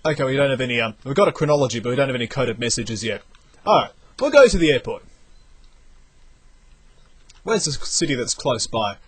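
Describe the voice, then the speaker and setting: Animated young man commentating gameplay. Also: mid-range voice, brisk, long pauses, husky. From outside the United States. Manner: animated, thinks aloud while playing. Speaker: let's play commentator.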